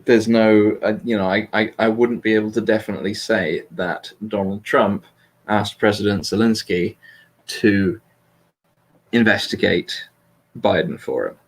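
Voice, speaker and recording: A man hosts a casual political discussion on a livestream, analyzing carefully and qualifying his points. His voice is fairly low, at a measured pace.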